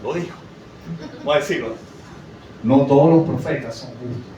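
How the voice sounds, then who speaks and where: A man's voice: medium pitch, normal speed, warm tone, muffled recording. A man preaching a sermon in a conversational way, often asking the congregation questions. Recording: echoey, from far off, faint noise.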